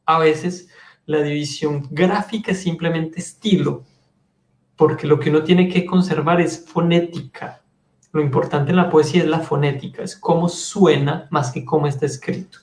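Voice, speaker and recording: A man with a Colombian accent teaching French in an online class, patiently explaining and slowly modeling the French sounds. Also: fairly high pitch, fairly even intonation, darkish tone, reverberant.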